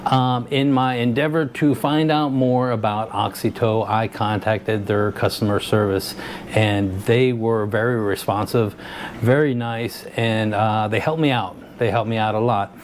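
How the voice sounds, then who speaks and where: A man's voice: lowish voice, fairly even intonation, measured pace, slight background noise. A man hosting his own channel, giving a rambling, easygoing product review full of filler words while standing by a vehicle. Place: by a vehicle, showing its lights.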